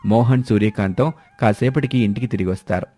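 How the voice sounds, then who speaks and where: A man narrating an animated story in a steady, scripted manner. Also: on the low side, fairly quick, husky.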